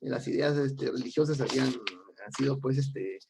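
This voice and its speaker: A man's voice: medium pitch, moderate pace, background noise. A man co-hosting a casual literary discussion, explaining ideas at length and often ending with tag questions. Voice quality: gravelly, very husky voice.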